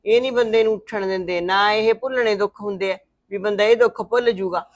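Acting lightly and speaking a little fast in a mid-range voice, a middle-aged woman plays a motherly aunt in a Punjabi web drama. She soothes a weeping niece with proverbs, her manner both comforting and stern.

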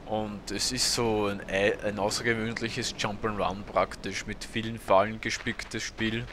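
A man's voice: on the low side, flat delivery, measured pace, fairly bright tone, slight background noise. A man, casually commentating a video game as a let's play host, hesitant and full of fillers. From Austria. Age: 30s. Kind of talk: gameplay commentary.

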